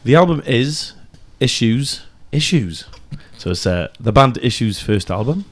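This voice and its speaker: A man's voice: medium pitch, normal speed. A young man with a South Welsh accent, a guest musician chatting casually on a podcast with many ums. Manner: relaxed, hesitant with ums, laughs easily.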